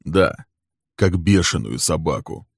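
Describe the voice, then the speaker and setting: A man voicing a calm, cold man with a dark secret, speaking slowly and evenly. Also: deep voice, dry recording, clean studio sound.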